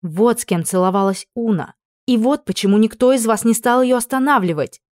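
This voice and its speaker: A woman's voice: on the high side, fairly quick, a little mellow, dry recording, studio quality, voice pushed up, close to an everyday voice. A woman voicing a young noble lady who gives tired, stern commands in an audiobook. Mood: reproachful.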